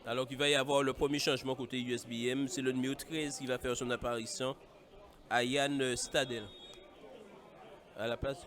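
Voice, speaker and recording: A man commentating live on a football match in a halting, repetitive way. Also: medium pitch, little pitch movement, a bit bright. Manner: hesitant, halting delivery with repetitions. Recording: outdoor stadium, crowd noise behind. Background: crowd.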